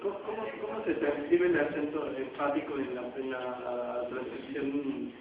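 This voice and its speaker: A man's voice: medium pitch, steady tone, unhurried. A man student asking hesitant questions during a lecture, repeating his words. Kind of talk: classroom question. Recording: distant, echoey, tinny recording with noise.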